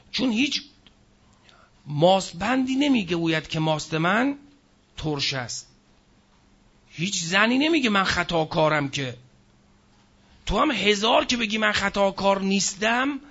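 A man preaching a scripture lecture. He recites verses slowly, then explains them in plain speech and asks the audience questions that he answers himself. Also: high voice, animated, sharp tone, slightly rough, dull audio. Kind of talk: Quranic exegesis lecture.

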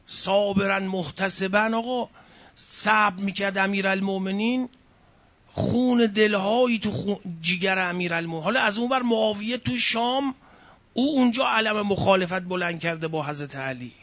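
A man's voice: high-pitched, fairly bright tone. A man preaching a sermon, telling a religious story with feeling, sighing and crying out between the lines. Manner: emotive storytelling, sighs and cries out. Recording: dull lo-fi recording.

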